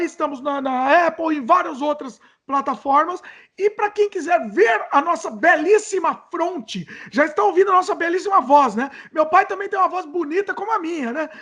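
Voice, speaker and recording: A young Brazilian man hosting a podcast in casual chat, playful and jokey, mocking himself. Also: very high voice. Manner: energetic. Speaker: podcast host.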